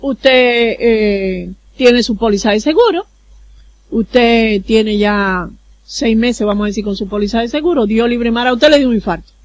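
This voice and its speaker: A woman from the Dominican Republic, speaking with a Dominican Spanish accent, appears as a consular official on a radio interview and earnestly explains procedures using everyday examples. Her voice is fairly high and unhurried, and the recording is dry.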